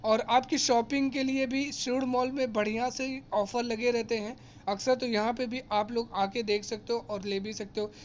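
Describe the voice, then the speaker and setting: A man's voice: very high-pitched, lo-fi sound, a little hiss or hum. A man casually narrating a tour vlog through a large indoor shopping mall, chatting to viewers as guys and explaining prices and offers. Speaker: vlogger.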